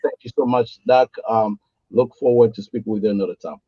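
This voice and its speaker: A man's voice: on the low side, fairly even intonation, fairly quick, husky, no echo, dull audio. A man hosting an interview show, hesitant, with many fillers and restarts. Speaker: show host.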